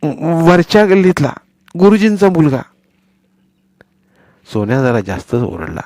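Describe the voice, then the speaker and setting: A man's voice: mid-range voice, mellow, no room sound. Man narrating a story, dry close sound. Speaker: audiobook narrator.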